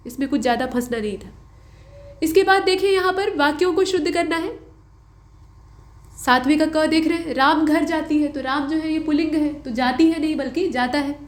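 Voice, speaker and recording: Woman, young adult, teacher, exam walkthrough, patient, repeats points, high voice, echoey room. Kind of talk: exam answer walkthrough lesson. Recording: roomy echo.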